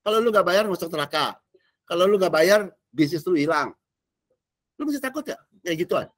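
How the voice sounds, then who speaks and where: A male pastor teaches a discipleship class in a casual, animated sermon, often quizzing his listeners. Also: sits high, moderate pace. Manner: casual slangy preaching, quizzing the audience, animated swings between loud and soft.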